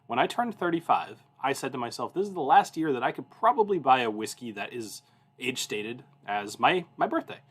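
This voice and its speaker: Fairly bright and slightly rough, this thirty-something man's medium-pitched voice is very animated and a little fast. As host of a whiskey review show, he chats informally and tells anecdotes to his livestream audience, rambling and cutting himself off as he goes.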